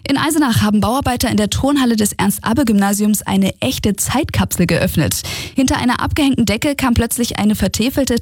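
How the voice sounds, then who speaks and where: Husky woman radio newsreader. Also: medium pitch, dry recording, studio quality. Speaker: news reader. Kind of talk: scripted radio news reading.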